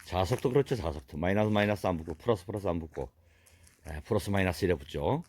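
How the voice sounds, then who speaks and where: A middle-aged man, chatting casually to the camera outdoors about his dogs. He speaks in plain, rambling talk and drops to low mutters for his asides. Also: lively intonation, fast talker, husky. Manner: calls dogs loudly and high, then mutters low asides. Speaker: vlogger caring for dogs in the mountains. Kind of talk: casual running commentary to camera. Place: outdoors, windy. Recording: faint wind noise outdoors.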